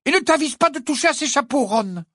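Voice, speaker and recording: Man doing a fierce, high-pitched teenage witch. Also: a little fast, no echo, studio quality, natural voice. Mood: defiant. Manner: sharp and determined.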